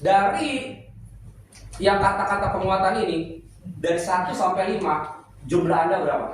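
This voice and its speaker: High-voiced man teaching in an echoey church hall. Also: moderate pace. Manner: playful, joking with the congregation. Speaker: preacher. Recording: echoey hall, speaker far from mic, noisy.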